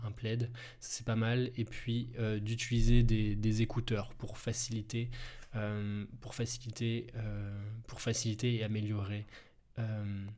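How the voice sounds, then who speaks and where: A man's voice: lowish voice, a little mellow. A man giving a casual, hesitant introduction with instructions, often repeating himself. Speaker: hypnosis video host.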